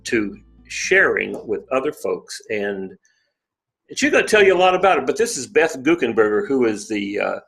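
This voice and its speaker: A man's voice: medium pitch, big pitch swings, normal speed, gravelly, a bit bright, soft background music. A man hosting an interview show, welcoming his guest and asking questions with enthusiasm. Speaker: podcast host. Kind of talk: conversational interview.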